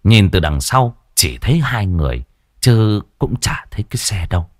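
Man, ghost story narration, expressive, animated pitch, dry close recording. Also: normal speed, no echo.

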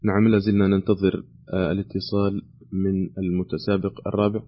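A man's voice: low voice, level tone, a little fast, dull audio. A man hosting a call-in quiz, reading questions aloud and patiently repeating the options. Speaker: quiz show host.

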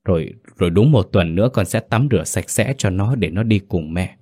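A man's voice: deep voice, brisk, warm tone, slightly rough. A man voicing a desperate father who pleads and insists in a horror story reading. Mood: pleading.

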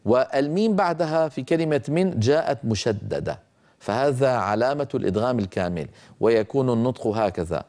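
A man's voice: medium pitch, expressive, brisk, a little mellow. A middle-aged man giving a Quran recitation lesson, patiently explaining the rules and stretching out the example words as he chants them.

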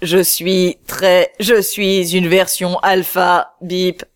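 A woman voicing a beeping robot clone, an early test version, in a flat robotic manner during a voice recording session. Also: fairly low pitch, very slow, clear, resonant tone, no room sound, studio quality. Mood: deadpan. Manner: flat robotic voice, says "beep".

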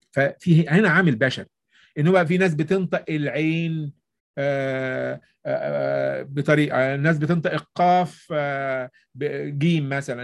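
A man with an Egyptian Arabic accent hosting a discussion, explaining at length and answering his own rhetorical questions. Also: fairly high pitch. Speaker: discussion host. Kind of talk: explanatory debate talk.

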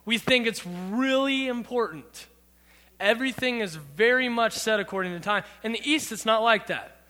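A man's voice: high-pitched, moderate pace, sharp tone. A man giving a youth sermon to a group, with playful, jokey asides to the audience. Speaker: youth pastor. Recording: long hall reverb.

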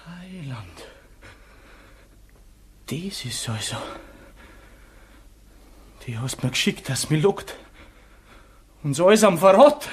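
An actor playing a bitter, proud young poacher with a high, lively voice in a 1960 radio play. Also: male voice, slow, long pauses, slight background noise. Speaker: [name].

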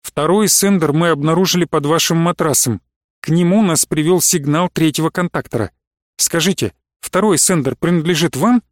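A man voicing a calm, firm male army major who speaks in a measured, steady way. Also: fairly high pitch, no echo, studio quality, lightly acted. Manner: measured, steady, stern when pressed.

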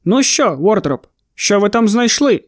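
A man's voice: high-pitched, very animated, measured pace, dry recording, studio quality, full character voice. A man playing an impatient town constable. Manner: impatient, plain-spoken. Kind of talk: audiobook character voice.

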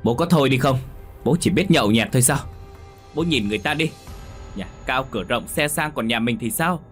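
A man's voice: medium pitch, expressive, fairly quick, faint music behind, pitched above the performer's own voice, close to an everyday voice. A man voicing a defiant teenage daughter who lashes out in raised, accusing outbursts.

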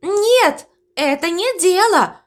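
An eager, caring girl guinea pig with a high, bouncing voice, as a woman storyteller puts her on. She sounds bright and keen in a children's storybook reading. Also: lively intonation, slow pace, heavily acted.

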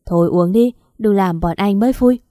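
A woman reading the lines of drunk, pushy men at a karaoke party, coaxing and pressing loudly, in a storybook read-aloud. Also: medium pitch, moderate pace, dry recording, studio quality, close to an everyday voice.

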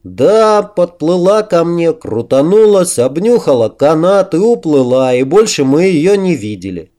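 A man voicing a talkative, boastful young male diver in an audiobook, speaking up and fast. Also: a little high, sing-song, warm tone, pitched above the performer's own voice. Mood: excited.

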